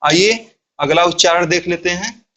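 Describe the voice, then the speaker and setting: High-voiced man teaching a grammar lesson. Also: a little slow, pushed and bright. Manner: explains step by step, asks questions and answers them himself.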